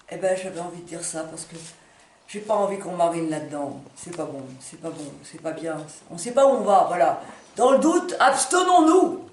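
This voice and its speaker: Making a personal plea in an improvised, fervent monologue to camera, a woman of medium pitch speaks haltingly and with emphasis, often repeating words. The mic is distant and the space is roomy, with background noise audible.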